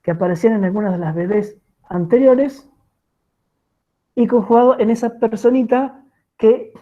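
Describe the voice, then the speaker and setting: A woman with an Argentine Spanish accent teaches French grammar in an online lecture, her slightly high voice fairly even in intonation and moderate in pace. She's patient and checks in with students often, and the video call audio sounds tinny and phone-like.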